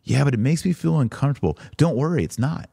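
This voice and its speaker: A fast-talking, animated podcast host with a medium-pitched voice that's creaky, husky, and dark in tone gives religious commentary to a live online audience. He presses his points emphatically with rhetorical questions and imagined objections he acts out, in studio-quality audio with no room sound.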